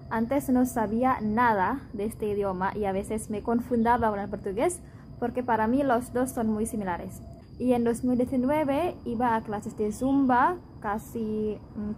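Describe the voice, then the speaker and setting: A woman in her twenties from Indonesia, a Spanish teacher, answering interview questions thoughtfully in her learned Spanish with pauses. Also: fairly high pitch, a little mellow, slight background noise, poor audio. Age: 20s.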